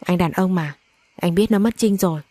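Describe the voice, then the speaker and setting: A sly, wheedling stepfather from a storybook reading, smooth-talking and lecherous, as a woman reader puts him on. The tone stays low, warm and dry. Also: moderate pace, dry recording, lightly acted.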